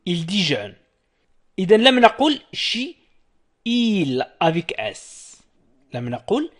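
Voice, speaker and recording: A man teaching French to beginners, slowly repeating words with careful, deliberate pronunciation. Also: a little high. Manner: slow, deliberate pronunciation drills. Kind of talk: slow language lesson with repetition.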